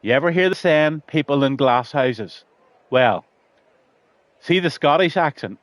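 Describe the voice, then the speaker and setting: An Irish man streams live race commentary from his room at home, bantering and reading out viewer messages. His voice sits a little high for a man. The sound is close and dry. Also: expressive, measured pace, no echo. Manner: chatty, joking, reads out viewer messages. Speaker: sim racing league commentator and streamer.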